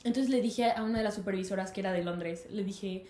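A young woman with a Mexican Spanish accent, co-hosting a casual podcast and telling stories in a giggly, animated way. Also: medium pitch, fast talker, roomy sound. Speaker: podcast co-host. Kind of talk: casual chat.

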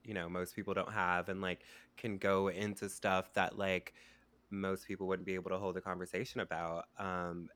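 A man hosting a podcast, chatting in a relaxed way with laughter and loose fillers. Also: low-pitched, normal speed. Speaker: podcast host. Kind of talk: casual chat.

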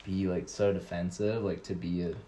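A male guest in a casual conversation, talking in a rambling, halting way with constant fillers. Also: deep voice, level tone, dark tone. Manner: rambling, halting, heavy use of "like". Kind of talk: casual chat.

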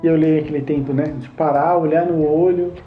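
A man's voice: fairly high pitch, steady tone, a little fast. A man telling a personal testimony in an earnest way, acting out the dialogue he remembers. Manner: earnest, acts out quoted dialogue. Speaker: storyteller. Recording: roomy, dull lo-fi sound with faint guitar.

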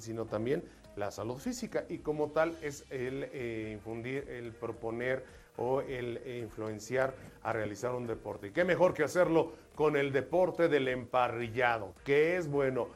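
A man from Mexico co-hosting a live talk show, chatty and jokey, slipping into little voices when he tells a joke. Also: mid-range voice. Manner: jokey storyteller, acts out voices in jokes. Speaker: radio show co-host.

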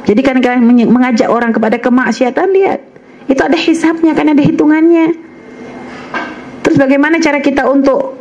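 A woman's voice: high-pitched, a little mellow. A woman religious teacher lectures young women on the radio in an earnest, admonishing way. She addresses her listeners as "child", like a mother correcting them. The recording sounds dull and lo-fi.

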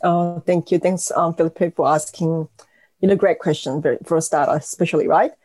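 Low, mellow woman. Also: fairly even intonation, normal speed. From South Korea. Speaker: guest, analytics executive. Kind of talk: podcast interview.

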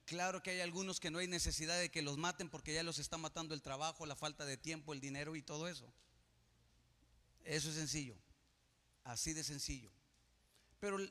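Male pastor, fairly high bright voice, emphatic sermon, long church reverb. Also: brisk. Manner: preaching, swelling to loud emphatic peaks.

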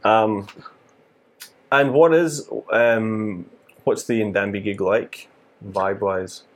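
A man hosting a casual chat, asking short questions with a deadpan sense of humor. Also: lowish voice, slow pace.

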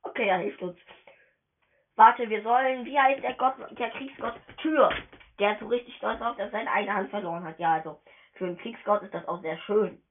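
A woman giving casual, excitable let's-play commentary as she plays, chatty and slangy, often tripping over her words. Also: mid-range voice, normal speed. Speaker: gamer narrating her play. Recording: tinny phone-quality voice message.

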